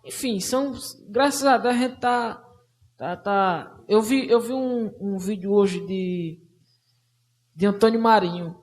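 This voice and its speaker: A woman's voice: mid-range voice, slow, darkish tone. A woman moderating a conversation circle, talking casually with frequent hesitations and restarts. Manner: hesitant, many restarts and fillers. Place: auditorium of a cultural center.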